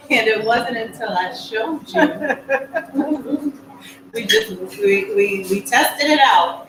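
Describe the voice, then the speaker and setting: Lively woman co-host, swooping pitch. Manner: animated, laughing, teasing. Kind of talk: casual group conversation. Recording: roomy, distant mic with background noise.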